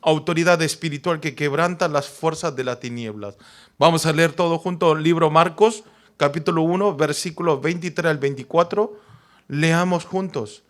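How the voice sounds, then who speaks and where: A pastor, a native Korean speaker, preaching a sermon emphatically and often asking the congregation to confirm. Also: male voice, fairly high pitch, moderate pace.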